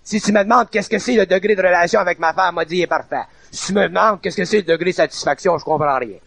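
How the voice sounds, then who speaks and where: A middle-aged man with a Quebec French accent lectures informally, circling back to his points with emphatic repetition. His voice sits high and carries a gravelly edge. The recording is dry and close, with no room sound. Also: fast, fairly bright tone, no room sound.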